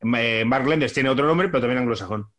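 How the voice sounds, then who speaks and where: A man's voice: medium pitch, quick pace, fairly bright tone. A man from Spain with a Spanish accent, chatting casually as a podcast co-host, laid-back and slangy, often repeating his words. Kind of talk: casual chat.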